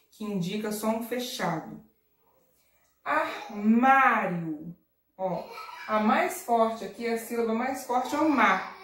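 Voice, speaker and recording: A woman teacher giving a patient recorded lesson to children, stretching out words to show their stressed syllables. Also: mid-range voice. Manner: patient, drawn-out word stress, frequent "tá?" and "ó". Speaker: primary school teacher. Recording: echoey room, distant mic.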